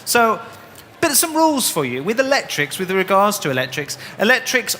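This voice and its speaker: A man's voice: high voice, sing-song, normal speed, bright, forceful tone. A man with a Northern English accent, presenting a live DIY demonstration in a casual way, often restarting his sentences. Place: exhibition hall stage. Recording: reverberant hall, faint background noise.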